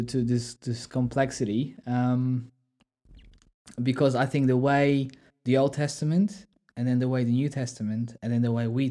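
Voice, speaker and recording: A Polish man whose first language is Polish co-hosts a podcast, explaining theology in a casual chat. His mellow, mid-range voice walks through ideas step by step, adding asides along the way.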